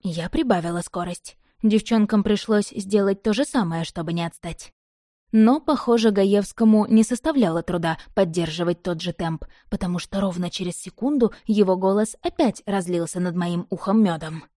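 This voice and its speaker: Woman, audiobook narrator, mellow and warm, dry close recording. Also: mid-range voice, moderate pace, no echo. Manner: expressive first-person storytelling.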